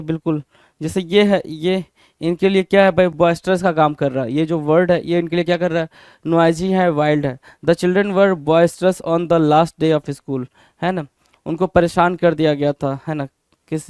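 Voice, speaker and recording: A man's voice: fairly high pitch, darkish tone, clean tone, no room sound. A man teaching an exam-prep vocabulary lesson, asking rhetorical questions and repeating each word.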